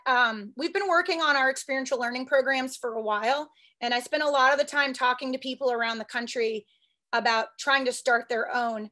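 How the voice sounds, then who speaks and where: A woman who is a statistics professor giving a quick, eager conference talk with frequent restarts. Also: high-pitched, a bit bright. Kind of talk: fast conference presentation.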